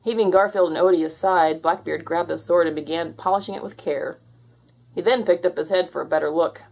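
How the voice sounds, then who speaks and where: A woman with a slightly low voice narrates a children's storybook. She reads aloud expressively as a storyteller. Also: steady tone, brisk, vocal fry, darkish tone.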